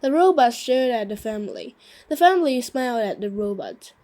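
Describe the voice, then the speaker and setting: A woman's voice: on the high side, lively intonation, mellow, rough recording. A woman reading a children's novel aloud, stumbling and restarting on harder words. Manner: slow, halting reading with frequent restarts on hard words. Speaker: reader.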